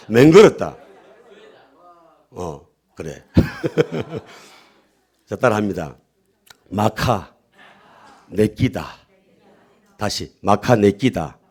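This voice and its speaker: A middle-aged male pastor, preaching a sermon and having the congregation repeat his words, swinging from soft low asides to loud, emphatic peaks. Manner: call-and-response preaching, prompting the congregation to repeat.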